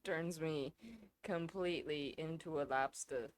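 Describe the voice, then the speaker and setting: A woman co-hosting a casual podcast, rambling and excitable, swearing freely. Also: low-pitched, unhurried. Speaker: podcast co-host. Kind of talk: casual chat.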